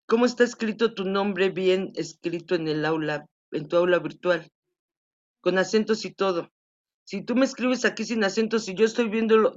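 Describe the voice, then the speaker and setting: Woman teacher over a lo-fi call. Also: medium pitch. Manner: patient, repetitive explaining. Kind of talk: online class instructions. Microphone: video call. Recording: dull lo-fi video call audio.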